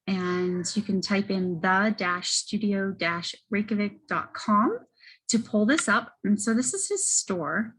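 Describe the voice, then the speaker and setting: A woman giving a casual, halting product testimonial as a host, often correcting herself as she goes. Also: medium pitch, expressive, a bit bright, slight background noise, poor audio. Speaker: host presenting wellness products. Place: library children's area. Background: children and banging in background.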